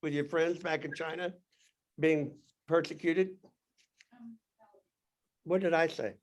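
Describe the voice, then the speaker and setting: A man's voice: on the high side, fairly even intonation, slow pace. A man leading a Sunday school class in casual, rambling talk, joking and restarting his sentences. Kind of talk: casual Bible class teaching.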